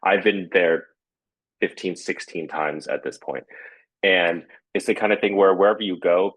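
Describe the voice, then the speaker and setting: A man's voice: low voice, steady tone, moderate pace, fairly bright tone, breathy edge, no room sound, poor audio. A man talking casually in an interview, in a rambling, conversational way. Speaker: festival co-founder.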